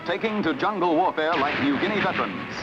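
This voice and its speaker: A man's voice: a little high, expressive, a little fast. A man narrating an old 1950s newsreel in a formal, declamatory manner. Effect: old newsreel soundtrack. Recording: dull lo-fi newsreel sound with music. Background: music.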